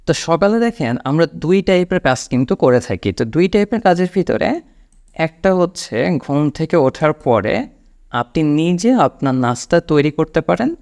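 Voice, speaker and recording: Man, Bengali accent, patient English teacher, slows down for example phrases. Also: a little high, very animated, gravelly, darkish tone. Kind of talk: spoken English lesson.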